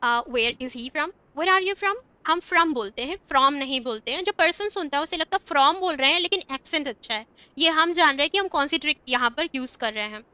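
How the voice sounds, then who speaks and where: A young Indian woman teaching English online, saying example sentences slowly and carefully between quicker explanations. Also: sits high, animated, sharp tone, dry recording.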